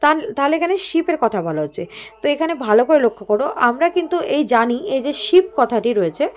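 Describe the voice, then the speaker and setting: A woman teacher, explaining grammar answers step by step and reading example sentences out slowly. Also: high voice, very animated. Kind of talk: exam-prep grammar lesson.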